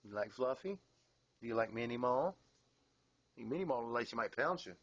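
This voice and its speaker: A man's voice: medium pitch, expressive, moderate pace, fairly bright tone, lo-fi sound, slight background noise. A man filming his pets at home, chatting casually and cooing to them in baby-talk. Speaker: pet owner filming at home. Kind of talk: casual home video commentary. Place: home room.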